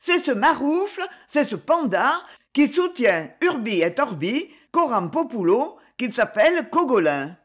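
A reader voicing a blustering, roaring male shopkeeper in an audiobook, bullying and loud. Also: medium pitch, wildly swooping pitch, takes it slowly, few pauses, exaggerated voice. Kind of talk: audiobook character voice.

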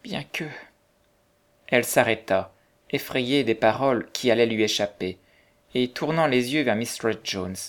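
An audiobook reader narrating a novel in a measured, even storytelling manner. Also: medium pitch. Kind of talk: scripted narration.

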